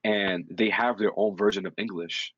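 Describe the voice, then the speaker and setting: A man's voice: on the low side, fairly even intonation, normal speed, a bit bright, breathy edge, no room sound, dull audio. A man hosting a podcast, talking loosely with frequent ums and casual swearing. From Dominican heritage. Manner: loose, profane, thinks aloud with many ums. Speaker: podcast host. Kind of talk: casual chat.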